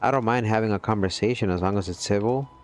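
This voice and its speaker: Chatting casually with his viewers, a gaming livestreamer rambles in an earnest way and keeps checking in with "you know what I mean." He talks at a quick pace in a lowish voice, with faint music in the background.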